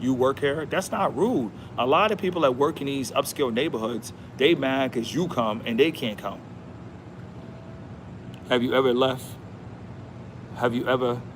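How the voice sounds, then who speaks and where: A man's voice: mid-range voice, slight background noise. A man hosting a casual livestream outdoors. He talks in a slangy, emphatic, repetitive way and says "bro" a lot. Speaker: livestream host.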